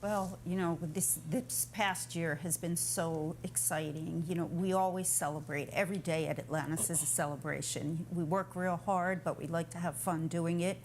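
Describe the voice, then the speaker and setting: A woman's voice: on the low side, steady tone, moderate pace, hardly any pauses, slight background noise. A woman executive answering as a guest in a studio interview.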